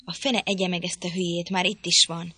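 A woman reading the lines of a brooding, desperate young man in an audiobook, urgent and hushed. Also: on the low side, flat delivery, slightly rough, dry recording, exaggerated voice.

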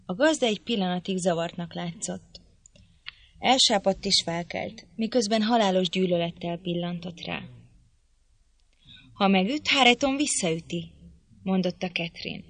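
Low-voiced woman narrating an audiobook. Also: vocal fry. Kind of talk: scripted narration.

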